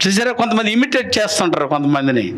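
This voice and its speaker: A man's voice: sing-song, fast, a bit bright. A man preaching a sermon as pastor in a church, asking his listeners question after question. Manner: preaching with rhetorical questions and swings in pitch.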